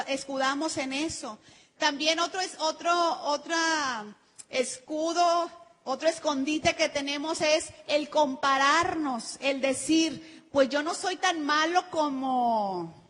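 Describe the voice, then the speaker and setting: A woman's voice: high-pitched, a bit bright. A woman pastor preaching a sermon to her congregation, addressing them as brothers and sisters and acting out people's excuses in quoted voices. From Mexico. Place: church sanctuary. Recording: long reverb of a church hall.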